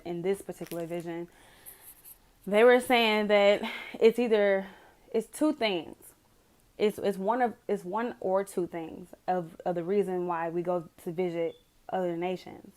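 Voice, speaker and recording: A woman's voice: fairly low pitch, fairly even intonation, moderate pace, darkish tone. A woman casually retelling a dream to camera, rambling with many "like"s and restarts. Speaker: video testimony speaker.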